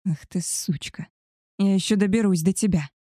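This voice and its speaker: A woman's voice: mid-range voice, expressive, unhurried, mellow, no room sound, clean studio sound. A woman voicing a rude, boastful young male werewolf who talks in a crude, taunting way. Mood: threatening.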